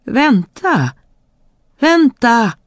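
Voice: medium pitch, expressive, a little mellow, no room sound, studio quality. A reader voicing an insistent male frog who calls out shrilly in a fairy tale reading. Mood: pleading calls. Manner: calls out shrilly, croaks kvack. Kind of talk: storybook reading.

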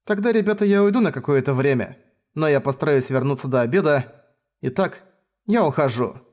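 A man's voice: a little high, expressive, fairly quick, a little mellow, natural voice. Brave, earnest young swordswoman in an audiobook, voiced by a male reader in a lifted, girlish register. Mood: cheerful.

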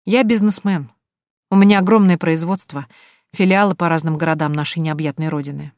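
A woman reading the part of an attentive, courteous male businessman who talks calmly and gently flatters. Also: low-pitched, brisk, dry recording, clean studio sound.

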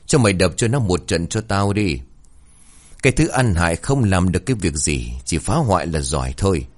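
A man's voice: low voice, expressive, normal speed. A man voicing a bitter, cruel senior wife who scolds a servant. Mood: scolding.

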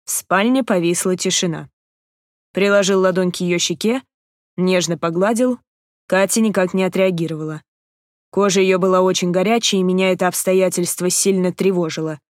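A woman's voice: on the low side, steady tone, normal speed, no echo. Woman reading an audiobook, dry sound. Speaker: audiobook narrator. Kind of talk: scripted narration.

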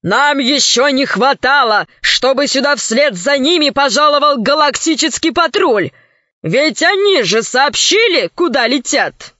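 A woman's voice: sits high, animated, unhurried, sharp tone, no echo, highs cut off, pitched above the performer's own voice, heavily acted. A woman voicing a cowardly, shifty male alien who talks in a flustered, pleading way. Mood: urgent.

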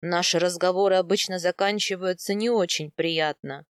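A woman reads a storybook part as a playful young husband, his voice pulled low and eager. He teases and pleads by turns in a close, dry sound with no room echo. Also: steady tone, moderate pace, clean tone, natural voice. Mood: teasing. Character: playful, teasing young husband, a steppe man.

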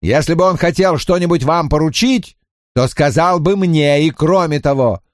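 A man voicing a cold, measured, sinister gentleman in an audiobook. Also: fairly high pitch, no echo, studio quality, pitched above the performer's own voice, close to an everyday voice. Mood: scornful.

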